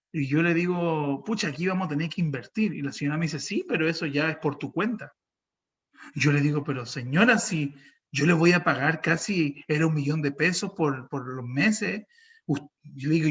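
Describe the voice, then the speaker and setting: A man's voice: on the high side, lo-fi sound. A young adult man with a Chilean accent preaching a sermon, telling a personal story and acting out the dialogue. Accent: Chilean Spanish. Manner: animated storytelling, acts out dialogue. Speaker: pastor.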